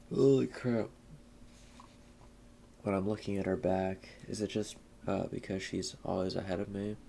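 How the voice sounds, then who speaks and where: A man's voice: deep voice, completely flat delivery, a little fast, vocal fry, hardly any pauses, warm tone. A young man hosting a gaming channel, reading a visual novel aloud in a laid-back way and muttering casual asides between lines.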